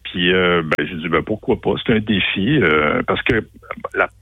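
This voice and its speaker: Un homme d'âge moyen à l'québécois, invité d'une radio, répond au téléphone avec une voix un peu grave et voilée. La ligne est nasillarde et sèche, sans écho. Il parle en hésitant, avec des « euh » et des reprises. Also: male voice, low-pitched, moderate pace, husky, no echo. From Morocco. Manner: hesitant, many fillers and restarts. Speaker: guest singer. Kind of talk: casual radio interview. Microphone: phone line. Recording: tinny dry phone line.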